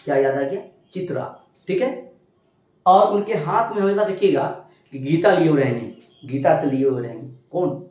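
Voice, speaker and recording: Male teacher, slightly high voice, lively quiz-style delivery, heavy room echo. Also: normal speed. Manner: animated, asks and answers his own questions. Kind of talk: exam-prep lesson with memory tricks. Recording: very echoey room.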